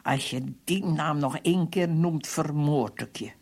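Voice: mid-range voice, unhurried, gravelly. A reader voicing a brutal male police captain who interrogates and threatens his prisoners. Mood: threatening. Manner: threatening, shouting.

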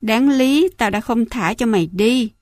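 A woman's voice: fairly high pitch, unhurried, darkish tone, no echo, studio quality, lightly acted. A woman doing a sneering cruel mother. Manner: sneering, mocking, contemptuous. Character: cruel scornful mother, middle-aged, chain-smoking.

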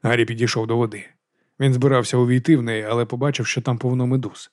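Fast-paced male audiobook narrator. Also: medium pitch, fairly even intonation, darkish tone, no room sound, clean studio sound. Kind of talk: scripted novel narration.

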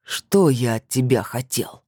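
A reader voicing a crude, pushy male ex-boyfriend who sneers and coaxes in a lowered voice. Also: animated, a little slow, darkish tone, husky, dry recording, studio quality. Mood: leering, menacing. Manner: low, coaxing and sneering.

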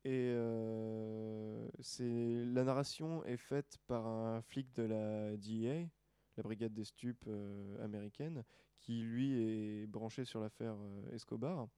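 A man with a dark, smooth voice chats casually as a podcast co-host. He talks hesitantly, with many fillers and restarts. The sound is dry and close. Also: fairly low pitch, fairly even intonation, slow pace, no room sound. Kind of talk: casual chat. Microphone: desk microphone.

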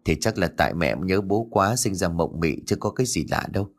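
Guy doing a calm grown son soothing his mom, low steady voice, storybook ghost tale. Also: brisk, soft background music. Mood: patient. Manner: calm, gently explaining. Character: adult son, patient and reassuring.

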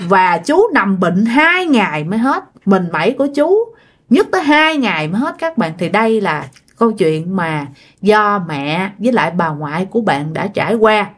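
Chatty woman storyteller. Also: medium pitch. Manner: chatty, addressing listeners directly. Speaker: storyteller host. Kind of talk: casual ghost-story narration.

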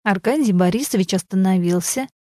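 A woman narrates an audiobook with a mellow, dark voice. Her reading is measured and unhurried, recorded close and dry with no room sound. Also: mid-range voice, no room sound. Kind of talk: scripted narration.

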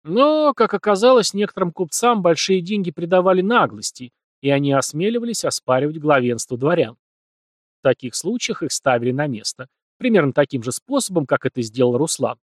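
A man narrating an audiobook with a lively, expressive reading. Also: a little high, fairly quick, no echo, studio quality.

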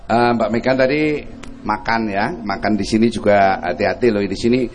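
A man's voice: on the low side, moderate pace. A man with a Javanese accent hosting a live stage show as puppet master, teasing with comic banter, slang and asides.

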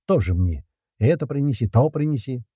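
Man doing a grumbly camp cook, whiny and dramatic, husky voice. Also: medium pitch, expressive, moderate pace, dark tone, no echo, muffled recording, pitched above the performer's own voice. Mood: grumbling. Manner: grumbling, theatrical. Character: grumbling male camp cook, theatrical complainer.

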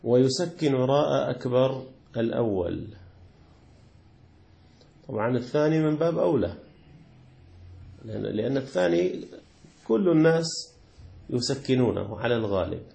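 A man's voice: mid-range voice, gravelly, mellow. A man, a sheikh teaching a lesson on a classical jurisprudence text, who explains patiently, repeats key words, and asks and answers his own questions. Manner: chants the call-to-prayer words slowly.

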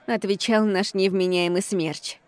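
A woman's voice: medium pitch, steady tone, unhurried, darkish tone, smooth, dry recording, a faint crowd. A woman reading a first-person audiobook with an ironic, exasperated tone. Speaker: audiobook reader.

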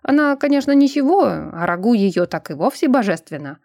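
A woman's voice: on the high side, big pitch swings, fairly quick, darkish tone, no echo, clean studio sound. A woman voicing a brash, lecherous male werewolf who boasts and teases in a storybook reading. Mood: boastful. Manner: boisterous, teasing and boastful.

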